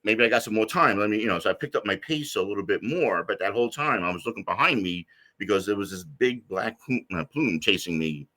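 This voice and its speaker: A middle-aged man from the United States telling a personal story as an interview guest, rambling with many fillers and restarts in a deep voice. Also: animated, fairly quick, few pauses, sharp tone. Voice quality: deep low voice.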